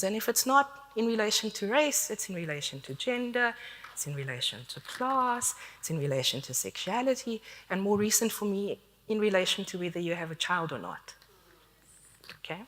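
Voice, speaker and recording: A South African woman with a South African accent gives a conference talk that is candid, conversational, and self-deprecating. Her medium-pitched voice is animated and a bit bright, moving at a moderate pace, and the recording carries a long hall reverb.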